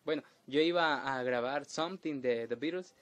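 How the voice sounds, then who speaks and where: A young man tells a funny story in a relaxed monologue. His humor is crude and self-mocking, and his delivery is deadpan. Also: mid-range voice, normal speed. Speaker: comedic storyteller. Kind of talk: casual comedic monologue.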